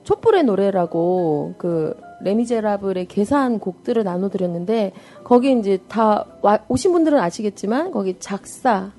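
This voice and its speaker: A woman's voice: mid-range voice, animated, normal speed, hardly any pauses, soft background music. A woman hosting a casual talk show, laughing often and introducing the guest. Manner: laughs often, bright reactions. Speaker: host. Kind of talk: casual podcast chat.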